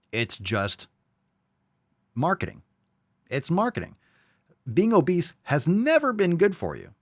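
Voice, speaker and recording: A man's voice: mid-range voice, no echo, clean studio sound. A man giving off-the-cuff reaction commentary in a smug, sarcastic, mocking way, blunt and sweary. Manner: blunt, profane.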